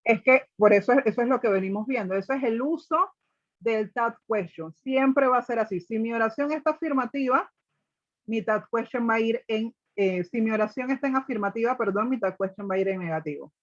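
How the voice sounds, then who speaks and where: Teacher, female, higher voice, patient step-by-step explainer; dull dry call audio. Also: a little fast, no echo. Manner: explains step by step, repeats examples, checks with "¿ok?". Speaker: English teacher. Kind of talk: online class explaining grammar in Spanish and English.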